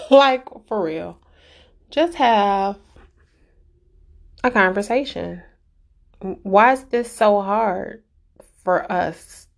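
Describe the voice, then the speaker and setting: A woman's voice: mid-range voice, vocal fry. A woman vlogger giving a casual, emphatic rant straight to her viewers, exasperated and direct.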